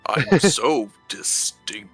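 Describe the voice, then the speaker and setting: A man voicing a slow-witted male leshy, a tree spirit, who talks slowly and picks his words with care. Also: medium pitch, sing-song, a bit bright, breathy edge, no room sound, soft background music, full character voice. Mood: earnest.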